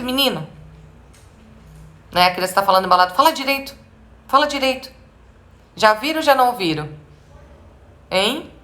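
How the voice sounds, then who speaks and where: A woman's voice: on the low side, fairly bright tone. A woman with a Brazilian Portuguese accent, a speech therapist giving a live advice talk to parents, speaking emphatically and asking them direct rhetorical questions.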